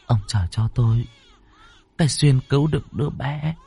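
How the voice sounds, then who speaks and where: A man voicing a grieving older landlady mother in a storybook ghost tale, speaking in a hushed, tearful, pleading way. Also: medium pitch, normal speed, vocal fry, husky, voice pushed up. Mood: solemn.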